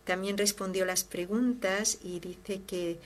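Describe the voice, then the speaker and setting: Religious sister, host, fervent and expressive, reads listener mail warmly. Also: female voice, mid-range voice, slow pace. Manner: fervent, expressive, swings from loud to hushed. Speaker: religious sister hosting a devotional program. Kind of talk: devotional talk and reading listener letters.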